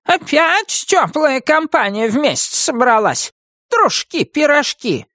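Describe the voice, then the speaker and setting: A woman's voice: high voice, expressive, a little slow, a bit bright, no room sound, clean studio sound, voice pushed up. A woman voicing a furious, scolding old witch in an audiobook, shrieking and drawing out her angry words. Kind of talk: audiobook character voice.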